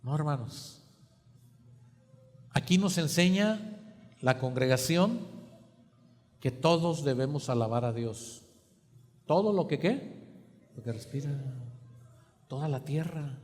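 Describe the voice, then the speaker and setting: Man preaching, high voice, call-and-response questions, long church reverb. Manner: asks the congregation questions for them to fill in; swings between quiet and emphatic. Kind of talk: sermon. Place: church hall.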